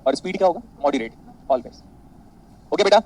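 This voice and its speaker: A man teaching an online physics class, animated and boastful, quizzing his students constantly. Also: fairly high pitch, normal speed, a little hiss or hum, poor audio.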